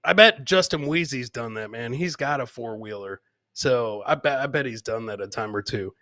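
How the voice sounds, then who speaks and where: A podcast host with a mid-range, bright, forceful voice talks at a moderate pace, recorded with studio quality and no room sound. He's doing a casual live comedy chat, reading and answering viewer comments with swearing and lots of filler words.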